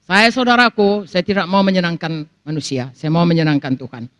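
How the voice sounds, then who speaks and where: Woman, middle-aged, pastor's sermon, animated, acts out voices, dry room. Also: on the low side, a little fast, no echo. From North Sumatra. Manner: animated preaching, acts out quoted voices, keeps addressing the congregation.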